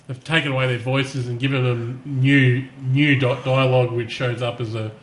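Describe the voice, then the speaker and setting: A man co-hosting a podcast, ranting in casual chat with animated restarts. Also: medium pitch, normal speed, a little hiss or hum. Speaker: podcast co-host.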